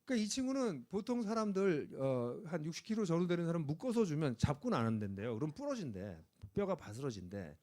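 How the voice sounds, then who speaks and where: A middle-aged man preaching a sermon as pastor, telling stories with lively energy and building to emphatic exhortation. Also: a little high, quick pace, hardly any pauses. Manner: animated storytelling, rising to emphatic exhortation. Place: church sanctuary.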